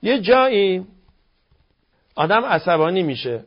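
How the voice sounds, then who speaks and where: An older man giving a moral lecture in sermon style, with slow, emphatic phrasing and rhetorical questions. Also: high-pitched, very animated. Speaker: religious lecturer. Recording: dull lo-fi recording.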